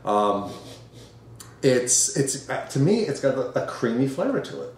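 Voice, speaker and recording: A man co-hosting a casual beer review, giving blunt, halting tasting remarks. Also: mid-range voice, sing-song, echoey room, slight background noise. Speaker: beer review podcast co-host. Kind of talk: casual chat.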